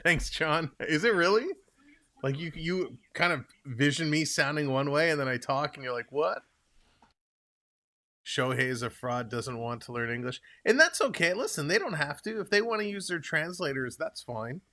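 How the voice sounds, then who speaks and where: A young man with a Toronto Canadian accent hosts a live hockey stream, rambling casually and reading viewers' comments aloud as he answers them. His voice is fairly high, animated, bright and forceful, at a normal speed.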